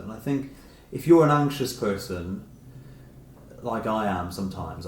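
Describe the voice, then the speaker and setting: A middle-aged author speaks in an interview, his voice low-pitched with a somewhat dark tone. He sounds reflective and tentative, rephrasing his thoughts as he goes. The room is echoey and background noise is clearly audible.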